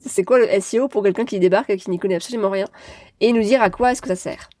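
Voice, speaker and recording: A woman's voice: mid-range voice, fast talker, mellow. A woman hosting a podcast interview, speaking in a friendly, explanatory way with light laughs. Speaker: podcast host.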